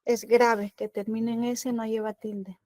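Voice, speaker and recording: Female teacher with a Peruvian accent, mellow higher voice, quick answers, video-call sound. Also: level tone. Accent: Peruvian Spanish. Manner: answers promptly with grammar terms. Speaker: teacher attending the workshop.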